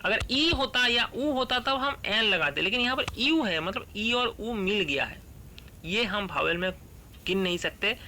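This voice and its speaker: Man, grammar teacher, unhurried, tense bright tone, faint hum behind. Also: sits high, lively intonation. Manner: slow and deliberate, reads English rules aloud slowly, then explains them; asks the class questions and answers them himself. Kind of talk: classroom grammar lesson.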